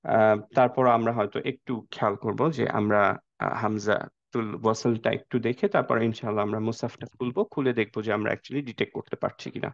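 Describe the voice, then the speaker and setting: A man's voice: medium pitch, gravelly, no room sound, highs cut off. Man teaching Quran reading, asking students questions. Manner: explains patiently, asks students questions; mixes English words into speech. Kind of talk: classroom lecture.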